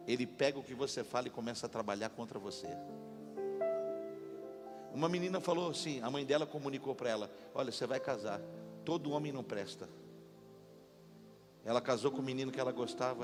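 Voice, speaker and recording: A man pastor preaching a lively sermon in a church, leading the congregation to repeat after him. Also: mid-range voice. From Brazil. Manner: animated, call-and-response with congregation. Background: instrumental music.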